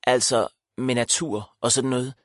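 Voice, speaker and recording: A man voicing a cheerful, eager mother in an audiobook, brisk and upbeat. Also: mid-range voice, fairly even intonation, a bit bright, no echo, studio quality, natural voice.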